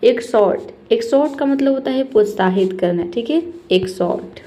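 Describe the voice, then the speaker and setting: A woman's voice: on the high side, expressive, normal speed, dark tone, slight background noise. A woman teaching an English spelling lesson, explaining patiently and repeating each word, often checking in with her students.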